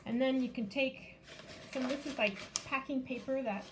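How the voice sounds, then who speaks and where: Speaking at normal speed in a high voice, a library storytime host reads a picture book to children and walks them through a craft. She explains things in simple language aimed at kids, with background noise audible.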